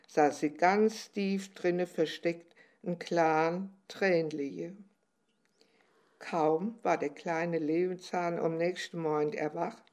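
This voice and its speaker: A woman reading a children's story aloud in a gentle, unhurried way. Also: on the low side.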